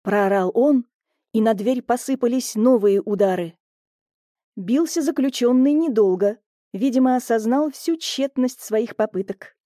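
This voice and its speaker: Woman, audiobook narrator, lively mocking telling, mellow high-ish voice, dry close sound. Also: measured pace, no room sound. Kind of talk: first-person audiobook narration.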